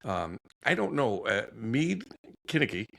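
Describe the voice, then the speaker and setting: A man's voice: medium pitch, very animated, measured pace, creaky, fairly bright tone. A man hosting a casual podcast interview, welcoming his guest and asking questions in an easygoing, conversational way. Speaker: podcast host.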